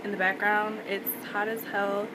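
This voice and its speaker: Young american woman doing a casual storytime, medium pitch, slangy and sweary, really noisy fan going in the background. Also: flat delivery, moderate pace. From United States. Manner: informal, slangy, frequent swearing. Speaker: vlogger. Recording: loud fan noise in background. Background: whirring electric fan.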